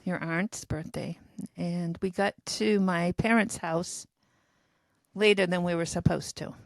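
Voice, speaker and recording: A woman's voice: lowish voice, steady tone, a little slow, vocal fry, no room sound. A woman in her seventies, co-hosting a podcast, telling a long personal story in a rambling, self-deprecating way. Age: 70s. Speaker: podcast co-host telling diary stories. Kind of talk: casual storytelling chat.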